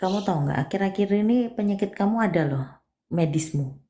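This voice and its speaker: A woman reading a listener's palm in a live session, speaking softly and coaxingly, calling her darling, dropping English words into her talk and often sinking to a breathy near-whisper. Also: medium pitch, brisk. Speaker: palm and spiritual reader.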